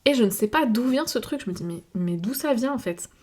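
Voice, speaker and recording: Her voice is fairly high, a little fast and a bit mellow, with lively intonation. She's a video creator from France, French-accented, chatting to camera in a casual, reflective way, musing aloud and often using fillers and starting over.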